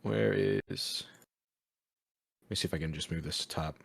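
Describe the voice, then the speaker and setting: A man hosting a casual chat, relaxed and offhand with wry verdicts. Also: a bass voice, moderate pace, creaky, breathy edge, no echo, clean studio sound. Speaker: host.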